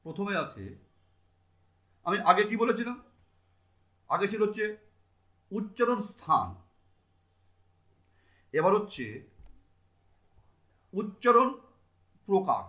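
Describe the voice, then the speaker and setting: A man's voice: high-pitched, very animated, takes it slowly, long pauses, a bit bright, reverberant. A male teacher giving a grammar lesson, sounding out consonants one by one, asking his students questions and answering them himself.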